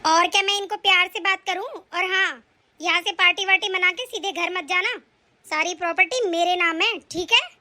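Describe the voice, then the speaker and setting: A woman gives voice to a greedy young daughter-in-law in an animated family drama. She speaks in a very high, bright voice and is smug and scheming. She plots to take the family's property. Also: moderate pace, heavily acted. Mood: rude. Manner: smug, scheming, later pleading. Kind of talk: animated story voice acting.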